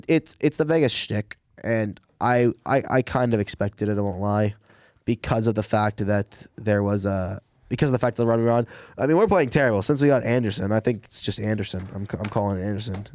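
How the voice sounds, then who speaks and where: A man's voice: on the low side, quick pace, a little mellow, dry recording. Rambling casual man, dry close sound. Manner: rambling, repeats words when jumping in. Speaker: podcast co-host. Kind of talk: casual sports chat.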